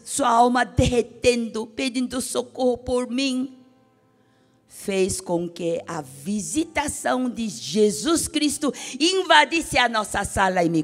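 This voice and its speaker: A woman preaching an emotional testimony sermon, dramatic, moving from hushed whispers to fervent exclamations. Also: fairly high pitch. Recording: reverberant hall with soft music.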